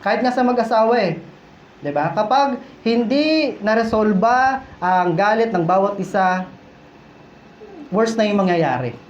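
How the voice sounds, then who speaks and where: A man's voice: high-pitched, lively intonation, unhurried, pauses often. A male pastor delivers a casual, joking sermon and keeps turning questions back to the congregation. His voice rings through an echoey church hall. The sound is a little dull, with faint room noise underneath. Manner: conversational, playful, questions the congregation.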